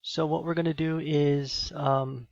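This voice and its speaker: Man, teacher, screencast lesson, patient explaining, fillers, slightly higher voice, dry dull sound. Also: little pitch movement, measured pace, dry recording. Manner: patient, explanatory, many fillers and check-ins.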